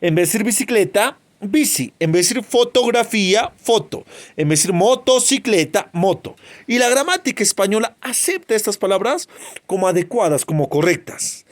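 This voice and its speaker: Lively teacher, self-answering questions. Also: male voice, high voice. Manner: asks questions and answers them himself, spells letters out slowly. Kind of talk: classroom grammar lesson.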